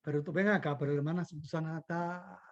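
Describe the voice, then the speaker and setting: A man's voice: on the high side, fairly even intonation, fast, dull audio. A man preaching a sermon, fervent and given to rhetorical asides, sometimes stumbling and restarting mid-phrase.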